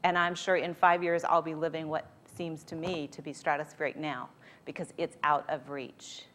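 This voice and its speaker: A woman's voice: sits low, flat delivery, moderate pace, fairly bright tone, a little hiss or hum. A woman giving a motivational talk to a live audience, speaking informally and directly, coaxing her listeners. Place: speaking live at a group event.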